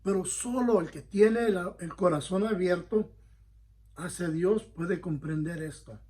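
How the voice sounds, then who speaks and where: A male pastor with a high, darkish voice leads a Bible study in an earnest, conversational manner. He pauses often to make sure his listeners are following, and he frequently corrects himself mid-phrase.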